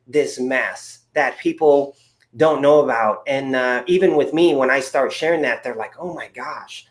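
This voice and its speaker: A man's voice: mid-range voice, a little slow. Upbeat guy hosting an interview, rambles a lot, ums everywhere, mid voice. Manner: upbeat, rambling with many fillers. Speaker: podcast host. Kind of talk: casual interview chat.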